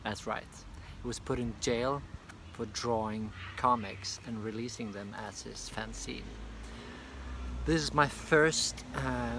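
A young Norwegian comic artist and vlogger, medium-pitched with a Norwegian accent, chats loosely while reviewing something from a park bench beside a hedge. He fills his speech with fillers, recorded on a phone camera held at arm's length against a noisy background.

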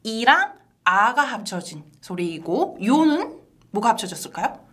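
A woman hosting a language lesson in an animated style, laughing often and quizzing her co-teacher. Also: a little high, a little slow, noisy background. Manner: bright and animated, laughs often, asks questions to engage viewers. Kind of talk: lively two-person language lesson.

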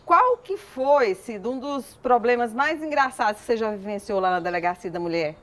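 A woman's voice: on the high side, expressive, normal speed. Chatty woman host from Brazil. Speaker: cooking show host. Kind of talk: casual TV interview.

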